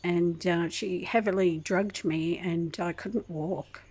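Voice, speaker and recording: A woman's voice: lowish voice, fairly even intonation, takes it slowly, darkish tone, breathy edge, poor audio. An older woman, rambling and aggrieved as she tells a long personal story in a casual home vlog, with many ums and restarts. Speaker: vlogger. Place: home kitchen.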